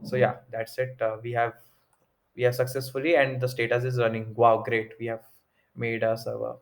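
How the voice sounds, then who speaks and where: North Indian man, flat-toned tech walkthrough. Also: medium pitch, gravelly. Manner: halting, thinking aloud while working. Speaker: tutorial presenter. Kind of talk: informal screen-recorded tech walkthrough.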